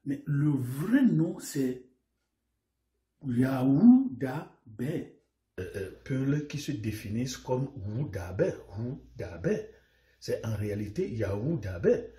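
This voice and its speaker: Man, lively pitch, rhetorical lecturer who repeats his questions and sinks to a near-whisper. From Mali. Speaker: lecturer on names and history. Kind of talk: spoken lecture. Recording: roomy echo.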